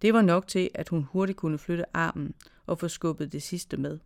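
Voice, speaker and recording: A literary reader moves slowly through dated diary entries and a short story, in short phrases with pauses between them. The voice is gravelly with a lot of fry, yet smooth and resonant underneath. The sound is dry and close, with no room around it. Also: medium pitch, steady tone, dry recording. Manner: slow, measured reading with short phrases and pauses. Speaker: reader of own prose.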